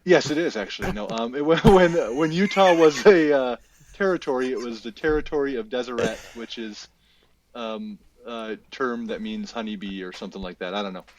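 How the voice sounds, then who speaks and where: A man's voice: mid-range voice, moderate pace, distant mic, slight background noise, low-quality recording. A man, a podcast guest, telling rambling, easygoing stories in casual chat.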